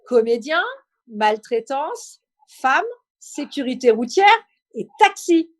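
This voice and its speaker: A woman with a high-pitched voice hosts a live interview. She speaks informally, setting up questions and addressing her guest in a familiar way. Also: lively intonation, slow. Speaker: interview host. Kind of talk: live online interview, quiz-style questions then conversation.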